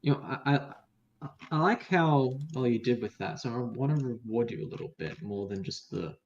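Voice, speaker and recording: A man running a tabletop game as game master, speaking in a slow, measured way. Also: mid-range voice, darkish tone, slight background noise. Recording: dull lo-fi recording.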